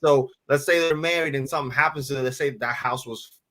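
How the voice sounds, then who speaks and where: Relaxed man in his thirties, guest advisor. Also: medium pitch, quick pace, rough recording. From Dominican Republic. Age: 30s. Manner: relaxed, repeats words while thinking, asks rhetorical "right?". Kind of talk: casual interview talk.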